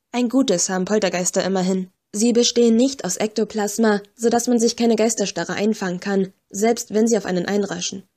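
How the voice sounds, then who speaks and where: Woman, audiobook narrator, first-person story, measured and tense, mid-pitched voice. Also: mellow.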